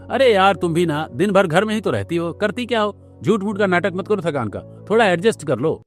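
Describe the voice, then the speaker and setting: A man's voice: sits high, animated, brisk, soft background music, pitched above the performer's own voice. A man voicing a dismissive, sarcastic young husband in a cartoon story. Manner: sarcastic, exasperated.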